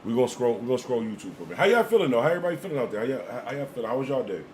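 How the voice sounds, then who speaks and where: A man's voice: medium pitch, big pitch swings, very fast, a little mellow, slight background noise, poor audio. A man hosting a livestream, reacting to clips and posts in loose, repetitive slang. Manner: loose, repetitive, slangy talk with laughing asides. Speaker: livestream host. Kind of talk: casual livestream reaction commentary.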